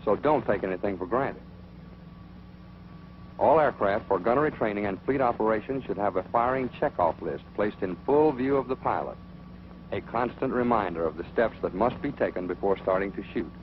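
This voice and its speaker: Playing a stern military flight instructor, a man narrates a 1940s training film with an authoritative, scolding, teacherly tone. His fairly low voice is expressive and natural, moving at normal speed, and the soundtrack is muffled and noisy, as 1940s film audio often is.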